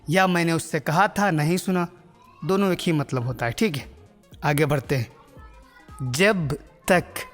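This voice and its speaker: Man, language teacher, patient, repeats phrases, casual lesson, echoing hall, faint music. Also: on the high side. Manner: patient, repeats each phrase several times.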